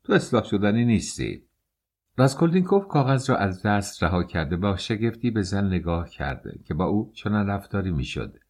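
A man narrating an audiobook in a measured, literary way. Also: deep voice, a little mellow. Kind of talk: scripted narration.

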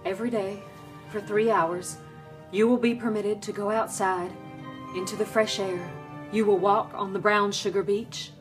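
A woman's voice: medium pitch, steady tone, normal speed, over music, close to an everyday voice. An actress playing an earnest young female FBI agent in a film clip, speaking in a stiff, formal way. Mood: businesslike. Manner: stiff, formal, businesslike delivery.

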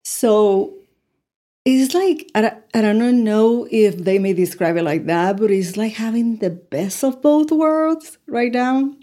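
A woman's voice: on the high side, slow pace, warm tone. A woman, talking earnestly as an interview guest, with many fillers. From Puerto Rico. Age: 60s. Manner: earnest, with frequent fillers and light laughs. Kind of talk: conversational interview.

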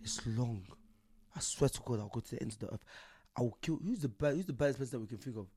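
A man's voice: mid-range voice, quick pace, noisy background. A man with an urban London roadman accent, bantering casually as a podcast co-host in heavy street slang, emphatic and sweary, repeating himself.

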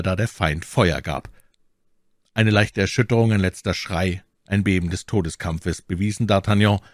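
A man narrating a classic adventure novel as an audiobook, in a measured, dramatic way. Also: deep voice, dry recording, studio quality.

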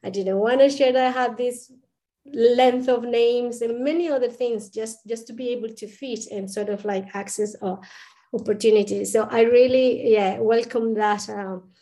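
A Colombian woman, a native Spanish speaker, appears as a podcast guest and international educator in a casual interview. Her voice is fairly high, mellow and steady, at a normal speed. She speaks thoughtfully, often restarting and using many fillers.

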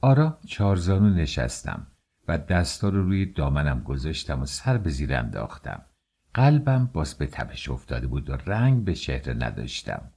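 A man's voice: very deep voice, sing-song, creaky, darkish tone, breathy edge. A man reading a novel aloud as an audiobook narrator, telling the story expressively. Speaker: audiobook reader.

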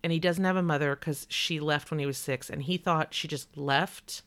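Low-voiced, smooth-toned woman chatting. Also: moderate pace. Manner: animated, candid, swears, laughs often. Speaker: podcast co-host. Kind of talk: casual movie review chat.

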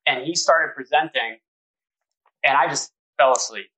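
A man's voice: a little high, unhurried, a crowd in the background, poor audio. A middle-aged man, a guest architect, telling casual stories with many restarts and fillers. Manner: rambling, full of restarts and "like". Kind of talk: casual storytelling conversation.

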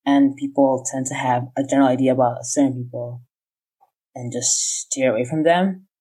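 A young woman with an unusually low voice speaking as a podcast guest. She talks frankly in a casual chat, and her opinions come out animated. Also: normal speed, husky.

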